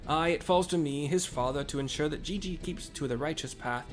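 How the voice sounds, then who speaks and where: A man voicing an earnest old gentleman in a game, with a strained, aged voice and courtly, archaic speech. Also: fairly high pitch, brisk, soft background music, close to an everyday voice. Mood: resolute. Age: older. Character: old gentleman inspector, formal, earnest, protective father. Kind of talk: game dialogue read aloud.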